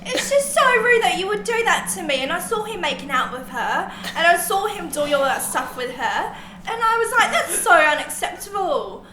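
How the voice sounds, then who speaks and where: A woman's voice: very high-pitched, very animated, normal speed, bright, forceful tone, a little hiss or hum, exaggerated voice. A woman voicing an indignant young British woman in a put-on British accent, huffy, in a roomy house. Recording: roomy echoing room.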